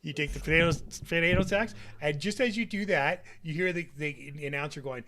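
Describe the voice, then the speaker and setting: A man's voice: on the high side, fairly quick, bright, forceful tone, a little hiss or hum. A young man running a tabletop game as game master, loose and full of fillers. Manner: loose, filler-heavy narration.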